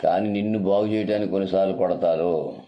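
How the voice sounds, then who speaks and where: A man's voice: low voice, steady tone, fast talker, muffled recording. A male pastor preaching a sermon, emphatic and repetitive, with rhetorical questions put to his listeners.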